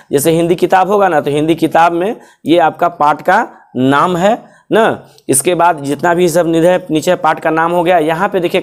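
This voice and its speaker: A male teacher, a young adult, walks students through which sections of the syllabus to study. His voice sits a little high for a man. He repeats each point and keeps checking that the class has understood. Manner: repetitive, checks if students follow.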